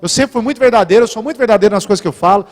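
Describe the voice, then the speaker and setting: High-voiced Brazilian pastor preaching. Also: male voice, rapid-fire. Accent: Brazilian Portuguese. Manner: lively storytelling, acting out dialogue. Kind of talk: live sermon with personal stories. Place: church hall. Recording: reverberant church hall.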